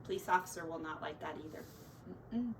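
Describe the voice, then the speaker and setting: A woman teacher with a deep voice reads a children's story aloud at a brisk pace, expressively stretching words and tossing in folksy, chatty asides for young listeners. The mic is distant, with faint background noise.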